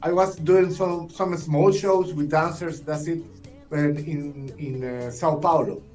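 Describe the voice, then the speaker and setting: Chilean man speaking halting English. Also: fairly high pitch, steady tone, darkish tone, faint music behind, rough recording. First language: Spanish. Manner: halting, repeats words, asks "you understand?". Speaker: guest, [name] tribute performer. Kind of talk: interview over a call, in second-language English.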